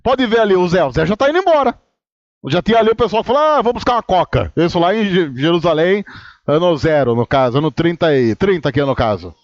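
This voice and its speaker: A man's voice: high-pitched, expressive, quick pace, dry recording, dull audio. A man from Brazil, a pastor giving a humorous, conversational sermon and acting out his own inner dialogue.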